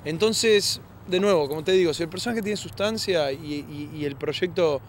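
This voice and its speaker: A man's voice: fairly high pitch, moderate pace. Argentine-accented male actor, thoughtful interview answers, light city noise outdoors. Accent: Argentine Spanish. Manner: earnest, reflective, many restarts and tag questions.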